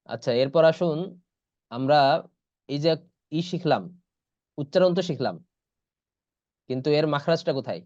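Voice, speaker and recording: A man's voice: fairly high pitch, lively intonation, a little mellow, dry recording. Patient man teaching letters over muffled audio. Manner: patient, repeats each letter slowly several times. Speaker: Quran teacher. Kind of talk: online class lesson. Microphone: computer or headset mic in an online class.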